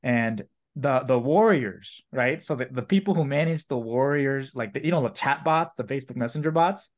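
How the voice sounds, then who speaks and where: A man's voice: mid-range voice, normal speed. A man in his twenties talking casually, with lots of fillers, telling a story. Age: 20s. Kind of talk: casual chat.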